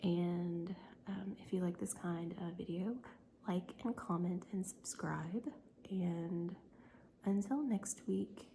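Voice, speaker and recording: Tired mom whispering at home late at night, dark mellow voice, faint hiss behind. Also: female voice, on the low side, steady tone, slow, gravelly. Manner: soft whisper, rambling with many ums. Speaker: crochet business owner and homeschooling mom. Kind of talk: late-night whispered day-in-the-life vlog.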